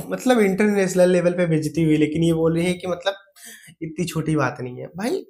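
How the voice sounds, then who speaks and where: A man's voice: fairly high pitch, normal speed, a little mellow. A man giving casual reaction commentary over a video clip, chatty and mocking, often laughing. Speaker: meme reaction channel host.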